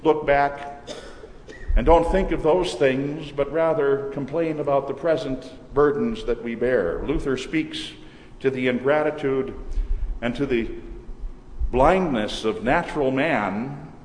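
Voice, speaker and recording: A male pastor preaching a sermon with a measured, deliberate delivery, slowing down to stress his points. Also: medium pitch, darkish tone. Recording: reverberant hall with faint ambience.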